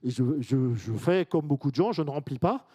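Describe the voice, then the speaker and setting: A man's voice: medium pitch, expressive, moderate pace, warm tone. Chatty man giving a conference talk. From France. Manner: chatty and informal, with asides and audience questions. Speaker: conference speaker. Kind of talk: conference presentation to a live audience.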